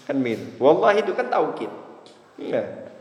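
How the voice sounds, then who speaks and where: A man giving a classroom lecture on Arabic rhetoric who keeps asking his students whether they understand, mixing Arabic terms into his explanations with lively swings in pitch. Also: measured pace. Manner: lively, wide pitch swings between emphatic high lines and low asides. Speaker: religious teacher. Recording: echoey hall reverb.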